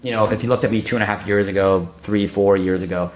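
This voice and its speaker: Fast-talking man in his thirties, low voice. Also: steady tone. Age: 30s. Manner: fast, loose, filler-heavy talk with many restarts. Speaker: podcast guest. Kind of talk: casual conversation.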